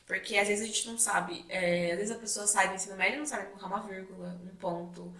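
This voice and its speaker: A woman's voice: medium pitch, fast, fairly bright tone. A young woman co-hosting a casual chat, talking freely and often tagging her points with questions. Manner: chatty, frequent tag questions. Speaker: co-host. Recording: echoey room, mic at a distance.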